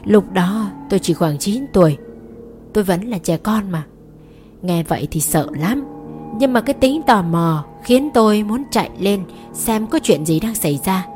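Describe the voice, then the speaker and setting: A woman reading a first-person horror story aloud in a measured, suspenseful manner. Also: medium pitch, lively intonation. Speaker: narrator. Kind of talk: scripted horror story narration. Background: soft music.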